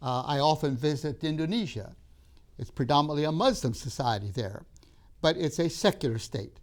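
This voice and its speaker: His voice sits a little high as this older man, raised in Tanzania, gives a seminary lecture that was recorded. He speaks deliberately and with emphasis, but pauses, says "uh" and restarts his sentences.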